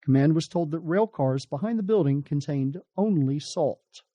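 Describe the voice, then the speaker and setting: A man's voice: fairly high pitch, expressive, normal speed, mellow, slight background noise. An American man reading scripted documentary narration.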